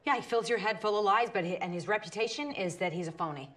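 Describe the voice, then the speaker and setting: An actress playing a weary, jealous middle-aged woman who stammers nervously and swings from hushed to agitated. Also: medium pitch, fast, natural voice. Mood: bitter. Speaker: actor in a film scene. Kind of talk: naturalistic film acting.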